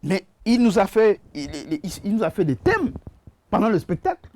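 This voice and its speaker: A musician and producer with a Gabonese French accent appears as a guest in a TV studio interview, speaking haltingly and often repeating his words. His voice is high and mellow, with wildly swooping pitch, and there's no echo.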